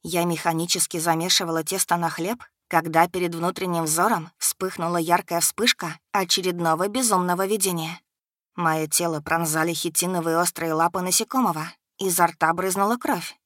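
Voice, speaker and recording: A woman's voice: on the low side, steady tone, moderate pace, fairly bright tone, no room sound, clean studio sound. A woman reading a first-person audiobook in a dramatic, tense storytelling manner. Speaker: audiobook reader.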